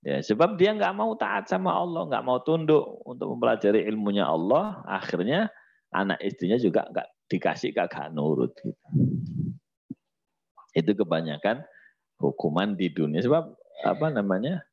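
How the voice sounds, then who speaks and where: Male religious teacher, low voice with big swings in pitch, teasing and animated delivery, slightly dull lo-fi recording. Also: normal speed, vocal fry, slightly rough. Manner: lively, teasing, mixes Arabic recitation with colloquial speech. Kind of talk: religious lesson with jokes.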